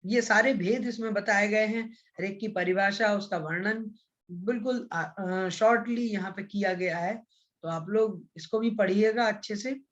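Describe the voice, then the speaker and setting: A man teaching an online scripture class, patiently explaining and repeating points, and chanting Sanskrit verses slowly. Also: high-pitched, fairly bright tone, lo-fi sound. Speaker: religious studies teacher.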